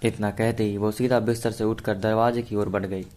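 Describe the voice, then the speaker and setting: A male storyteller reading a romance story aloud in a steady, even manner. His voice sits somewhat low. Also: normal speed. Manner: steady narration. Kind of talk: scripted story narration.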